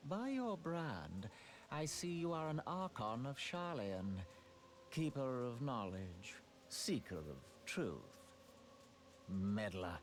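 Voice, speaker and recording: A man playing an arrogant, coldly mocking sorcerer villain in a video game, speaking with slow theatrical menace and pompous archaic diction. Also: mid-range voice, very animated, slight background noise. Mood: menacing. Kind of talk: scripted video game voice acting.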